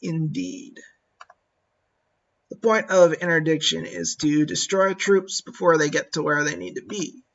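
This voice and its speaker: A man talks slowly through a strategy game, musing aloud and talking to his units. His voice sits a little high for a man. The lo-fi mic sounds dull, and mouse clicks tick in the background. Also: fairly bright tone. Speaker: gameplay commentator. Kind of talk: casual strategy game commentary.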